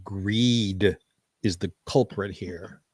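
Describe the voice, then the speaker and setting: A man talking as a podcast guest in a casual interview, animated and opinionated as he tells stories. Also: on the low side, drawn-out words, husky, no echo, clean studio sound. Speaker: podcast guest, show business historian.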